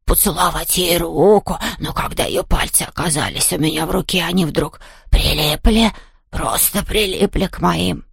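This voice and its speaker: A woman voicing a mischievous male ghost who wails slowly and drawls, in an audiobook. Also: fairly low pitch, creaky, husky, dry recording, studio quality, exaggerated voice. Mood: teasing, sly. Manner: slow, drawn-out wailing voice. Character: mischievous playful male ghost, boastful yet bashful. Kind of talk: audiobook character voice.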